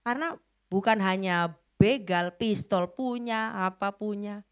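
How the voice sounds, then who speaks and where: A middle-aged woman preaching a sermon, telling a story dramatically and swinging between loud bursts and hushed lines. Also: mid-range voice, a little slow, smooth.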